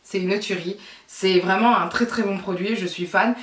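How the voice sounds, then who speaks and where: A woman's voice: mid-range voice, fairly even intonation, moderate pace, fairly bright tone. Chatty woman recorded from a distance. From France. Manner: chatty and repetitive, with frequent hesitations. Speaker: beauty vlogger. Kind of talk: casual product review. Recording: roomy sound from a distance.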